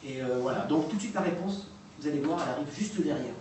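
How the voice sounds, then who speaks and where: A man giving a public talk and playing recordings, speaking haltingly with many fillers and restarts. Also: on the high side, background noise. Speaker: lecturer. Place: lecture room. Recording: echoey hall recorded from far off.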